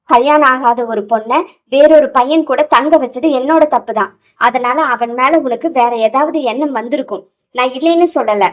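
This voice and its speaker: A woman's voice: high-pitched, fairly bright tone. A woman voicing an angry young man who scolds bluntly, in an audio novel.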